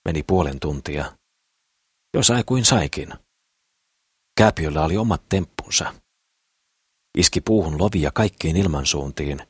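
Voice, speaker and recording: A man reading a novel aloud as audiobook narrator, steady and measured. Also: very deep voice, slightly rough, no echo, clean studio sound. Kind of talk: scripted narration.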